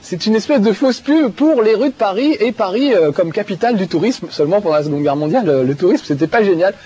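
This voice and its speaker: High-voiced enthusiastic game show host. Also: male voice, expressive, fast, warm tone, breathy edge. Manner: chatty, enthusiastic, laughs often, many fillers. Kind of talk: casual game presenting while playing. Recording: dull TV broadcast audio with faint music.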